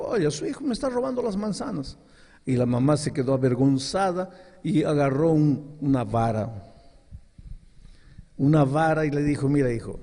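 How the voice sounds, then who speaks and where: A man's voice: fairly high pitch, mellow. A male pastor preaching a sermon, telling a story and acting out its dialogue with dramatic rises in his voice. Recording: long hall reverb.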